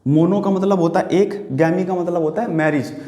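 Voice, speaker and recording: A man with an Indian accent gives an exam-prep vocabulary lesson, repeating each word and quizzing the viewer as he writes on a board. His voice sits fairly high but mellow and dark. The room is echoey around him. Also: moderate pace. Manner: explains patiently, repeats words and asks questions to the viewer; writes on a board while talking. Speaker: vocabulary teacher.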